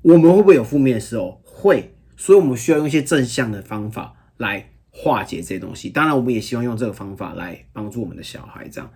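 A man, a father co-hosting a casual parenting podcast and telling stories with lively dialogue. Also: medium pitch, quick pace, vocal fry, hardly any pauses, husky. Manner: animated storytelling, acts out dialogue.

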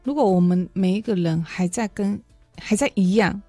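A woman co-hosts a radio chat, her voice mellow and dry. She speaks gently and agreeably, with faint music behind her. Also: mid-range voice, normal speed, no room sound. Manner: gentle, agreeable backchannel replies. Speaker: radio co-host. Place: radio studio.

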